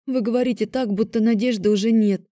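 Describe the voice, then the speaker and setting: A woman's voice: a little high, steady tone, fast talker, warm tone, dry recording, clean studio sound, lightly acted. A woman voicing a desperate young heroine who speaks in a pleading, trembling way. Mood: indignant. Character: desperate young woman, a dragon's former true mate.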